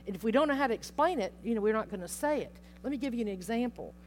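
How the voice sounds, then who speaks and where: A woman's voice: a little high, expressive, very fast, slight background noise. A middle-aged woman teaching a Bible study in an informal, chatty way, acting out quotes and laughing often.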